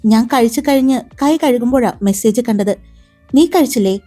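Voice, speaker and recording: A woman's voice: a little high, moderate pace, warm tone, faint music behind, natural voice. A woman reading the part of a teasing, protective young man in a romance story, playful and commanding.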